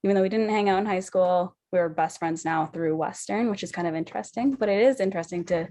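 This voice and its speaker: A young woman from the Toronto area co-hosting a podcast, asking questions in a curious, relaxed way. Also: on the low side, fast. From Greater Toronto Area. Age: young adult. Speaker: podcast co-host. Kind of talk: casual interview conversation.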